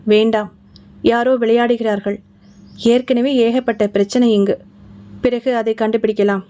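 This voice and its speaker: A woman's voice: on the high side, fairly even intonation, a little slow, mellow. A woman with a Tamil accent, reading a horror story aloud and voicing each character herself. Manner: voices every character herself. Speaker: audiobook narrator. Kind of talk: scripted storytelling narration.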